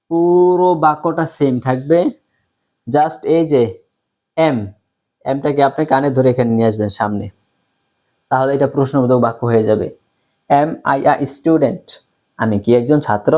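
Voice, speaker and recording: A man teaching a spoken English lesson, explaining slowly and repetitively, often checking if his students understand. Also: fairly high pitch, a little mellow. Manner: slow, repetitive explaining with frequent check-ins; pronounces English example sentences very slowly.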